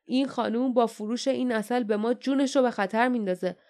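Woman doing a rebel leader man, stern, commanding, hard-edged, smooth clear voice, audiobook. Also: fairly high pitch, darkish tone, lightly acted.

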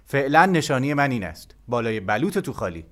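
A man's voice: medium pitch, sing-song, lightly acted. A man voicing a stubborn, defiant boy who gives curt, firm demands in an audiobook. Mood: determined.

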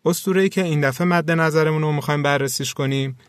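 A man's voice: a little high, fairly even intonation, clean tone, dry recording, clean studio sound. A man speaking as a relationship expert, explaining formally and politely. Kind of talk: explanatory talk.

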